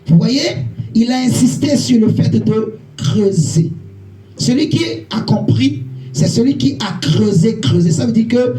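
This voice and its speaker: A man's voice: extremely high pitch, animated, a little slow, mellow. A man preaching a sermon as an evangelist, repeating his points and checking with the congregation through questions. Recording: echoey church hall, faint music.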